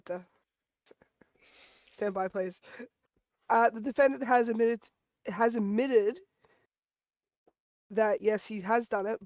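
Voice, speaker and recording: A woman's voice: mid-range voice, no room sound. A woman playing prosecutor in a game role-play, hesitant and often stumbling over her words. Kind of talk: playful role-play chat.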